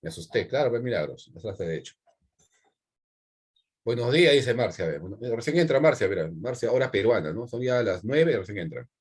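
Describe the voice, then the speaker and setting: A man with a Peruvian accent teaching an online class, repeating key points and checking in with quick tags. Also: fairly low pitch, animated, darkish tone, husky. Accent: Peruvian Spanish. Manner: repetitive, with frequent check-in tags.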